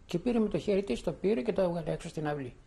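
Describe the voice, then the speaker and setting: An older man from Thessaloniki recounting his memories in an interview. His voice is gravelly and sits somewhat high, and his pitch swings widely as he acts out the people in his story. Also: expressive, warm tone. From Thessaloniki, Greece. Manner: vivid storyteller acting out quoted voices. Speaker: interviewee giving testimony. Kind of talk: spoken memoir testimony.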